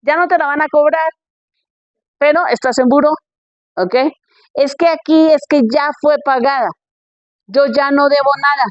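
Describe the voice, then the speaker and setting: Woman preaching, high voice, reads bible verses, keeps asking "ok?", dull dry recording. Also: fairly even intonation, normal speed, pauses often, dry recording. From Colombia.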